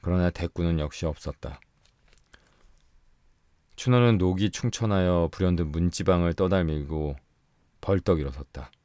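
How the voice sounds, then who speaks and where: A man narrating an audiobook for sleep in a calm, soft storytelling voice. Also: low-pitched, moderate pace, long pauses, dry recording, clean studio sound. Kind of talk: bedtime audiobook reading.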